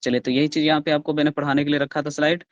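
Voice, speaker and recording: Hindi grammar teacher sounding out letters. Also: male voice, a little high, level tone, dry recording, lo-fi sound. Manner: explains step by step, asks the class questions and answers them himself; sounds out letters slowly and loudly. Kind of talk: online class lecture.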